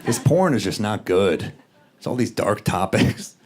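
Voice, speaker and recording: A man doing a stand-up comedy set on stage in a dry, deadpan manner. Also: on the low side, a little slow, a faint crowd. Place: comedy stage in front of a live audience. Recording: live show with audience laughter and room noise.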